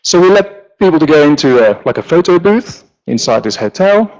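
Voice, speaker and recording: A man from Finland, a lighting designer giving a relaxed, joking conference talk with many ums, on stage in a large auditorium. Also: on the high side, moderate pace, dull audio. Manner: relaxed, joking, with frequent fillers. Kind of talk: conference presentation.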